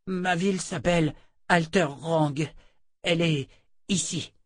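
A sniveling, fawning male killer in a storybook reading, voice pushed a bit higher than the reader's own, as a man reading aloud puts him on. He wheedles and grovels, zealous about his master. The sound is dry and close. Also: slow, no room sound.

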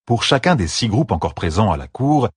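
A man with a husky voice narrating a fantasy audiobook in a measured, expressive way. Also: lowish voice, no room sound, clean studio sound.

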